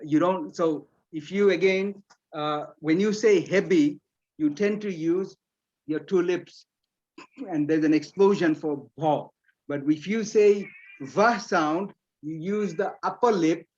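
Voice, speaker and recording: A man's voice: a little high, takes it slowly, a little mellow. Explanatory man on a lo-fi call. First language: Bengali. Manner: explanatory, repeats words while thinking. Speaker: presenter answering teachers' questions. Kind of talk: online forum Q&A explanation.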